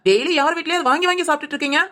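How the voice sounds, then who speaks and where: A woman's voice: high-pitched, very fast, voice pushed down, lightly acted. A woman voicing a rude, defiant teenage boy who answers with cold, mocking retorts in a Tamil short story. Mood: scornful.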